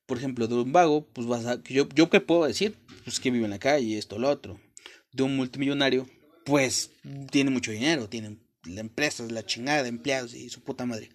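Speaking at normal speed with a medium, mid-range pitch, a young Mexican podcast host with a Mexican accent gives a crude, blunt motivational monologue. He talks straight to the listener, profane and unfiltered.

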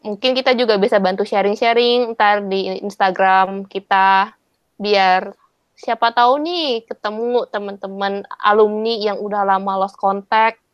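A young adult woman co-hosting a podcast, explaining things and wrapping up the episode in a relaxed way. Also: mid-range voice, unhurried, smooth, no echo, lo-fi sound. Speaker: podcast co-host. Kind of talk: casual chat.

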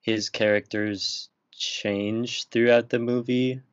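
A man's voice: medium pitch, little pitch movement, slow, dry recording. A young man chatting casually on a podcast, rambling and hesitant with lots of fillers. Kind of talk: casual chat. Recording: dry, muffled lo-fi audio.

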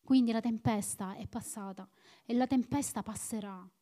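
A woman's voice: on the high side, moderate pace, dark tone. A woman preaching a sermon in an earnest, exhorting manner, repeating phrases for emphasis.

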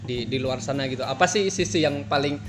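A man's voice: mid-range voice, brisk, background noise. A man from Central Java hosting a casual podcast chat, joking and asking questions with lots of fillers. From Central Java, Indonesia. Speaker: podcast host.

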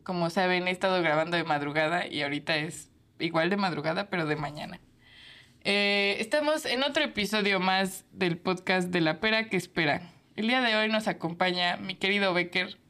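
A woman's voice: on the low side, fairly quick, a bit bright. Chatty woman hosting a podcast. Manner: chatty, laughs often, rambling with fillers. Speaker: podcast host. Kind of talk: casual chat.

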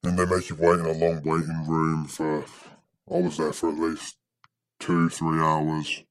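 A man speaking through a pitched-down voice disguise as an anonymous podcast guest, talking hesitantly and rambling with many fillers. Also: monotone, a little slow, dry recording, studio quality. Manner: hesitant, rambling, full of "you know". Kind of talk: casual chat.

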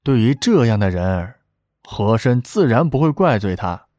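A man narrating a historical tale in traditional storytelling style, animated and dramatic. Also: medium pitch, normal speed, no echo, clean studio sound.

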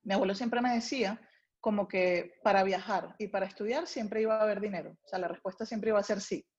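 Here a young Venezuelan woman talks quickly and steadily in a medium-pitched, darkish voice, her Venezuelan Spanish accent clear despite the lo-fi sound. As a food writer invited onto a casual interview, she chats about her life.

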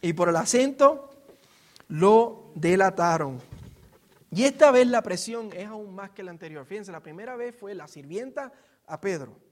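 This is an expository sermon told like a conversation: a Puerto Rican-accented man explains scripture in a relaxed storytelling way, dramatizing quotes and throwing out rhetorical questions. His high-pitched voice is expressive and a little slow.

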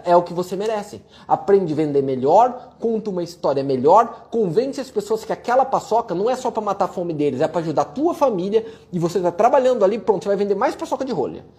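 A man giving a blunt, profane motivational rant while answering viewer questions, forceful and mocking toward complainers. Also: high-pitched. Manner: forceful, profane, mocks complainers in whiny voices.

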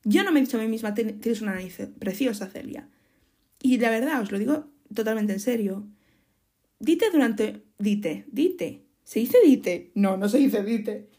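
Husky-voiced young Spanish woman chatting. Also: a little high, expressive, unhurried, dark tone. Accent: Spain. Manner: frank and chatty, restarts and corrects herself, swears casually. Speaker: podcast host. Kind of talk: casual podcast monologue.

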